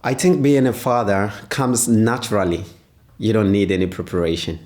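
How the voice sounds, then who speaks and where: A man, answering interview questions as a father, pausing often and searching for words. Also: on the low side, darkish tone. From Ghana. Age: 20s. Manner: hesitant, pauses often with "uh".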